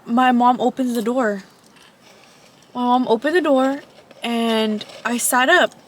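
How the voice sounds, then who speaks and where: High-voiced young woman telling a story. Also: slow pace. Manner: rambling, restarts and corrects herself, laughs at her own telling. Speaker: co-host. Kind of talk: casual chat, telling a scary story.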